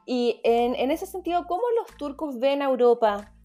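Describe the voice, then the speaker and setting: Higher-voiced woman interviewer. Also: lively intonation, normal speed, mellow, soft background music. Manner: asks questions with hesitant fillers. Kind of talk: interview questions.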